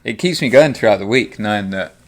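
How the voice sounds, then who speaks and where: Young guy, podcast co-host, laid-back chat, laughs a lot, fairly low voice. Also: animated, a little fast. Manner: easygoing, laughs often, trailing off with fillers. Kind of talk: casual chat.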